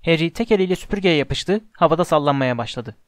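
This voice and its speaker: A man narrating a storybook aloud in a steady, measured reading voice, close to the mic. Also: on the high side, no room sound. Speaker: audiobook narrator.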